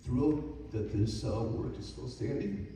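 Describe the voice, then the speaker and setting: A man's voice: medium pitch, measured pace, mellow. A man in his forties giving a hesitant speech at a dedication, with a voice cracking from emotion and many fillers. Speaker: guest speaker at a dedication. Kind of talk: halting personal speech. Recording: echoey hall, mic far off, noisy.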